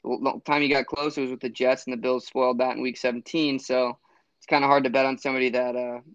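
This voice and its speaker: A man's voice: medium pitch, little pitch movement, fast talker, no room sound, muffled recording. Rambling man talking football. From Florida. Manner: rambling, lots of fillers and restarts. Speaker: podcast co-host. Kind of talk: casual sports chat.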